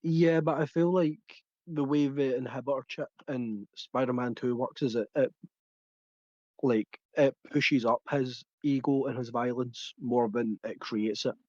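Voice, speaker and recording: Man, podcast co-host, chatty and laughing, mid-pitched voice, dull lo-fi dry recording. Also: fairly even intonation, unhurried, a little mellow, no room sound. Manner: chatty, laughs while telling, hunts for words. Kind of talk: casual film chat.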